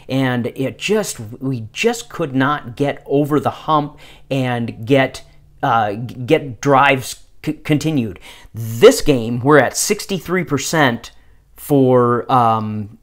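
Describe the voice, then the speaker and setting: A man hosting a fan halftime show, giving informal sports commentary in a halting way, as if thinking aloud. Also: medium pitch.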